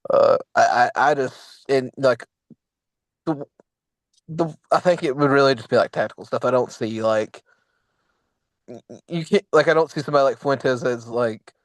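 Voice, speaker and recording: A man's voice: mid-range voice, normal speed, pauses often, dry recording, poor audio. A young man co-hosting a casual political podcast, rambling with lots of fillers and restarts. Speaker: podcast co-host.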